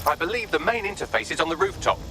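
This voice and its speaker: A man plays a sarcastic, articulate AI assistant briefing resistance operatives for a video game mission, teasing them dryly. His voice runs high and fast with lively intonation, and the background is noisy.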